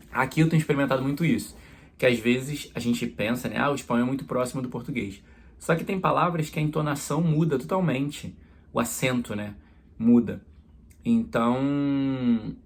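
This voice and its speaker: A priest delivers a homily in a relaxed, conversational way, illustrating his points with everyday examples. His voice is slightly husky and breathy, set at an ordinary male pitch.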